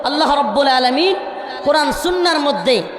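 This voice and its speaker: A man preaching a sermon from a crowded stage, pleading with and scolding the crowd to stay quiet, sometimes slipping into slow chanted recitation of scripture. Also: very high-pitched, animated, background noise. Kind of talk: sermon at a crowded religious gathering. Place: crowded stage at a large outdoor gathering. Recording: echoing reverb over a murmuring crowd.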